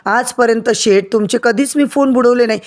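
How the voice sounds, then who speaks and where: A woman's voice: on the high side, brisk, a little mellow, natural voice. A woman voicing a frightened, scheming young man who owes money. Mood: panicked.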